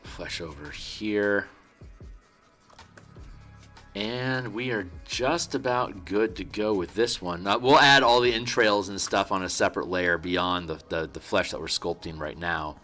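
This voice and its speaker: A man with a lowish voice that still carries a bright, forceful edge. He streams while painting, thinking aloud in quiet self-directed murmurs, then turns to viewers with loose, rambling asides full of restarts. Faint music plays softly behind him. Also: normal speed, hardly any pauses. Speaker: artist streaming his work. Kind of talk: casual livestream chat while painting.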